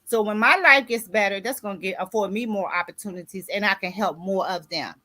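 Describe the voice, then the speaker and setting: Her voice is medium-pitched, brisk and sharp. She's a host and author in her sixties mentoring co-authors on a conversational radio show with a motivational bent. She exhorts with emphasis and keeps checking that listeners follow along.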